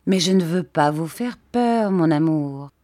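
A woman reader voicing an earnest young man who coaxes his fiancée gently. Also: low-pitched, animated, unhurried, no echo, clean studio sound. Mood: tender.

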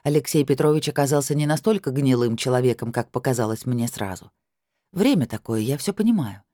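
Calm audiobook narration, dry irony, mellow dark tone, dead-dry close recording. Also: mid-range voice, no echo. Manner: calm, measured, dryly ironic. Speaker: audiobook reader. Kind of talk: first-person audiobook narration.

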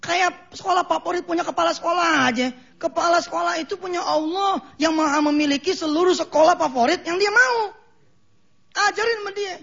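Middle-aged male preacher with a Jakarta Betawi accent; high-pitched, playful, acts out voices; muffled lo-fi broadcast recording. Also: fairly quick, vocal fry. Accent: Betawi-flavored Jakarta Indonesian. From Indonesia. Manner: lively, jokey, acts out quoted voices, laughs at own jokes. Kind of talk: sermon. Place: mosque.

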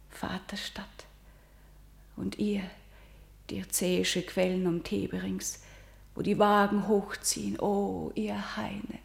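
Doomed Antigone, slow and echoing. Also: female voice, mid-range voice, creaky. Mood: whispered farewell. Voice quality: declamatory, swinging between loud cries and whispers. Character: doomed young woman Antigone, defiant and grieving. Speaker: actress. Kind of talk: classical verse radio drama. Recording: roomy studio echo.

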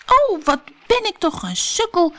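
Woman doing a high tearful little girl. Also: huge pitch swings, a little slow, a bit bright, exaggerated voice. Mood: distressed. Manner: high girlish voice, whimpering and exclaiming. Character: young girl Alice, tearful and bewildered.

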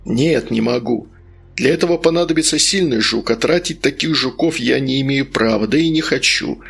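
A man's voice: mid-range voice, moderate pace, vocal fry, a bit bright, husky. A man voicing a stern, cruel male sorcerer who coaxes and orders in an audiobook. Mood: stern, persuasive. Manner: stern, coaxing, harsh barks.

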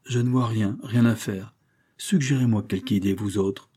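A man voicing a poor, gentle young male painter, speaking softly and sighing. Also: fairly low pitch, normal speed, husky. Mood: dejected. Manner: soft, sighing.

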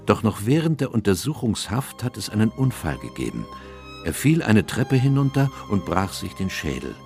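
A man's voice: on the low side, very animated, normal speed, gravelly, darkish tone, faint music behind. An actor playing an aged, melancholy English doctor who solemnly narrates his memoirs in a literary radio drama. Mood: grave, reflective. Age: older. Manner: solemn, reflective. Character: aged doctor Watson, weary melancholy chronicler of his friend's cases.

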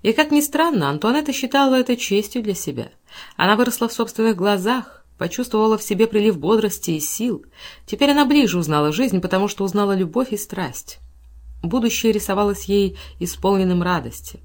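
Female audiobook narrator for classic fiction, measured and expressive, frequently hushed. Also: medium pitch.

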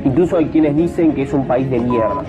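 A man reading a scripted in-flight cabin announcement as airline crew, formal, measured and persuasive. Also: mid-range voice. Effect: in-flight cabin announcement over the plane's speaker. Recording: dull lo-fi recording with music behind.

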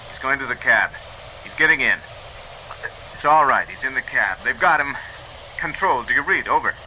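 Terse male surveillance lookout; very hard, forceful voice, band-limited radio with faint noise, drama commentary. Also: mid-range voice, animated, normal speed, lo-fi sound. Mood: tense, watchful. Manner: terse, reporting step by step. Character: watchful surveillance agent giving radio running commentary. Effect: two-way radio. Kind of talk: screen drama acting, running commentary.

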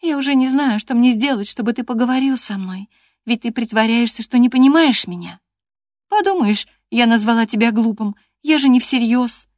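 A woman reading an audiobook voices a proud, stubborn young woman who talks in a high, insistent, pleading way. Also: moderate pace, a little mellow, dry recording, studio quality, natural voice. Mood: indignant.

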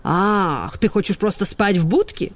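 A woman's voice: mid-range voice, lively intonation, unhurried, dry recording. A woman voicing a bossy female dog who scolds sharply and won't listen. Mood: scolding.

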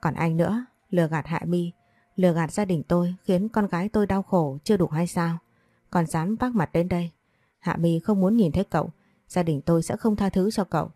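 A woman narrating as a protective middle-aged mother from a storybook, scolding her grown daughter in a low, warm voice. She sounds earnest and stern, close to the mic in a dry, dead room. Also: brisk, no echo, lightly acted. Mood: angry.

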